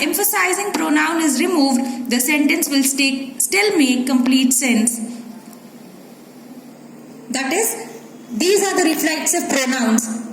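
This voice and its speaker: A high-voiced woman with an Indian English accent, teaching school grammar at an unhurried pace. She explains each example patiently and keeps checking that the class follows. The recording sits in an echoey room with faint background hiss. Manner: slow, explanatory, checks with "Clear?".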